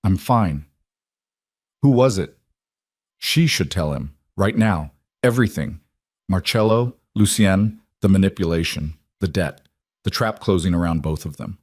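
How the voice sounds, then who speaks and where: Male narrator, dramatic scripted read, terse phrasing, low pitch, dry close recording. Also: lively intonation, moderate pace, a little mellow, dry recording. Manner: terse, clipped sentences.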